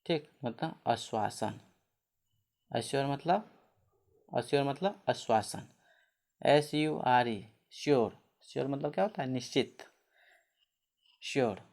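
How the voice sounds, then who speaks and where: A man's voice: mid-range voice, lively intonation, slow, gravelly, pauses often, a little mellow. A man teaching English spelling and pronunciation rules, asking questions and answering them himself while spelling words out letter by letter.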